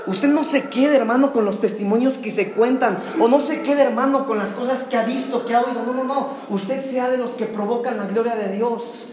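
A man's voice: extremely high pitch, normal speed, hardly any pauses, darkish tone. A man preaching a fervent sermon in a church, calling his listeners "brother" again and again. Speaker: pastor. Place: church sanctuary. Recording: roomy church echo.

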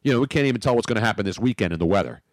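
A man's voice: lowish voice, racing, dry recording, clean studio sound. A man hosting a sports radio talk show, joking and ranting in casual banter with his co-host. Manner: brash, joking, animated rants.

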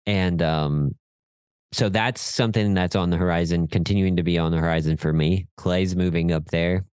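A middle-aged man chats casually as a podcast co-host. He sounds encouraging and chuckles easily. His voice is very deep, and the recording is dry and close. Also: fairly even intonation, moderate pace, darkish tone, smooth, no room sound. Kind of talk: casual chat.

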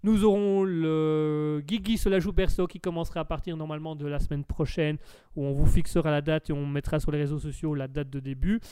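A man's voice: fairly high pitch, steady tone, fairly quick, dark tone, clear, resonant tone, no room sound. A man hosting a casual web radio show, talking in a chatty way and announcing upcoming segments. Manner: chatty, with fillers and restarts.

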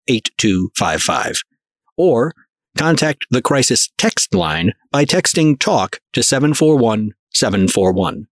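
A man's voice: medium pitch, no echo, clean studio sound. A man reading a scripted introduction as the announcer of an audio drama.

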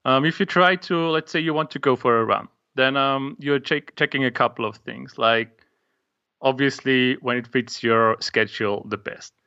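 Over a remote call from home, a young Austrian-accented app maker who grew up speaking German gives a hesitant, um-filled account of his app in a casual interview. He speaks at normal speed in a mid-range voice with a sharp, clear, resonant tone, and the highs are cut off.

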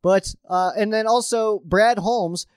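A man's voice: sits high, slow pace, clean tone, no echo, studio quality. A man hosting a sports podcast, giving a casual game preview as an open fan, with lots of fillers and restarts. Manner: openly rooting for the team.

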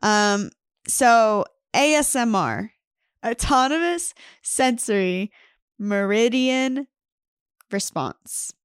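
A woman's voice: on the high side, expressive, drawn-out words, clean tone, no echo, studio quality. Chatty woman podcast co-host. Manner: chatty, reads listener reviews aloud. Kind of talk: casual chat.

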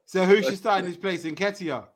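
A man's voice: high-pitched, normal speed. A man with a London accent hosting casual football banter, slangy and matey, needling his guests and calling them bro. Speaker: football fan talk show host.

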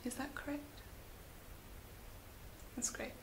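A woman whispering gently as a spa beauty therapist in an ASMR roleplay, slow and soft with little fillers. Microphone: close sensitive mic. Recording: hissy close mic.

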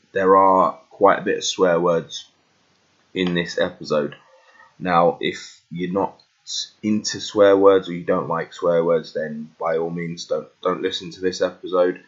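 A man with a British accent giving a casual, unscripted podcast introduction, halting and repeating phrases as he goes. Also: sits low. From United Kingdom. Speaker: podcast host. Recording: slightly dull, lo-fi microphone.

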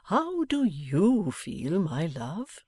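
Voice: mid-range voice, huge pitch swings, very slow, darkish tone, husky, no echo, studio quality, voice pushed up, full character voice. A reader voicing a mild, fond middle-aged father who speaks tenderly to his daughter. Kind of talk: audiobook character voice.

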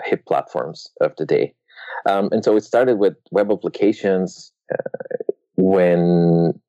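A man guest on a podcast, talking casually and hesitantly with many pauses. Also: low voice, mellow, dry recording, dull audio. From Europe. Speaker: guest author.

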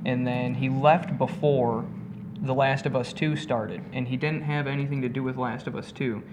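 A man's voice: mid-range voice, fairly even intonation, normal speed, noisy background. A man hosting a casual gaming podcast, recapping news in an upbeat, laid-back way. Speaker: podcast host. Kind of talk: casual chat.

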